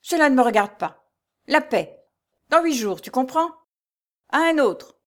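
A brutal, pompous little steward who barks his orders loud and high, as a woman reads him. His voice is forceful and sharp, and every sentence sounds like an order. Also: expressive, a little slow. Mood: furious. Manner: loud, barking, peremptory. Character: short, blustering male steward, harsh. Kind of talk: storybook reading.

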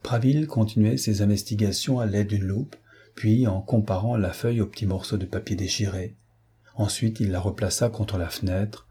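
A man reading a novel aloud as narrator, measured and dramatic. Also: on the low side, mellow, breathy edge. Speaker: audiobook narrator. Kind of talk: scripted narration.

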